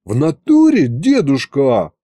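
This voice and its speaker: A man voicing a blunt young man who talks in slow street slang. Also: high voice, huge pitch swings, warm tone, no echo, clean studio sound, voice pushed up, full character voice. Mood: amazed.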